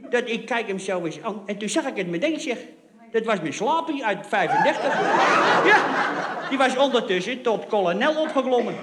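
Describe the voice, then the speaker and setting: Man, comic monologue, high voice, echoey stage, loud audience noise behind. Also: lively intonation, moderate pace. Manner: storytelling to a laughing audience, switching between booming and muttering voices. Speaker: comedian. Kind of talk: comic monologue with acted quotes. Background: audience laughter.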